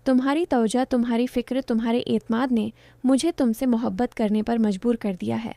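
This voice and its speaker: A woman narrating a romance novel aloud in the first person, in an even, calm storytelling voice. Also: a little high, gravelly, dry recording.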